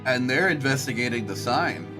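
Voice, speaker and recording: A woman livestreaming games in casual chat, with a playful, dramatic, expressive gamer manner. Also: very deep voice, normal speed, music in the background.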